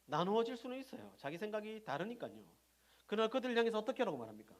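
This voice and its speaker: A middle-aged pastor preaches a sermon, posing questions to the congregation and answering them himself, shifting between loud emphasis and soft, low asides. His delivery is sing-song and racing.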